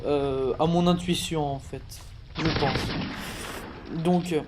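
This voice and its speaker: This sixteen-year-old male from Paris, France speaks slowly in a high-ish, fairly even voice while offering stumbling, apologetic, casual commentary on a game. Loud music and gunfire from the game create heavy background noise.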